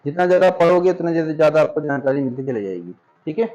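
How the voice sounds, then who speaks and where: A middle-aged male teacher from India leads a spoken English class. His voice sits a little higher than most men's. He explains patiently and draws out each example word so his students can follow. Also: animated, dark tone, dull audio. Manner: patient, drawn-out example words, calls students "beta".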